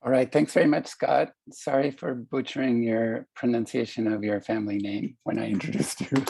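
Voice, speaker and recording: Gravelly-voiced man moderating a panel. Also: mid-range voice, steady tone, normal speed, warm tone, no echo. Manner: apologetic, laughs lightly. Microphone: video call.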